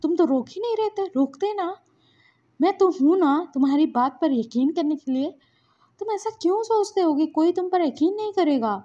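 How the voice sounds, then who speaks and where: A woman voicing an angry, protective young man who shouts and scolds, in a fan story reading with dull, lo-fi sound. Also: extremely high pitch, lively intonation, moderate pace, pitched above the performer's own voice. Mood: scolding. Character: furious possessive young man, protective boss.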